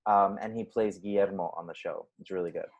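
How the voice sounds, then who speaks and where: A young adult man co-hosting a casual podcast, teasing and quick to laugh. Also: low-pitched, fairly even intonation, muffled recording. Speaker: podcast co-host. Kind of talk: casual chat.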